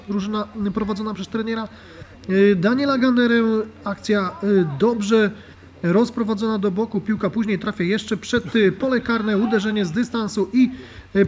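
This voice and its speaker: A man narrating a voice-over report on a football friendly, with frequent "e" fillers. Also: high-pitched. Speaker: sports commentator.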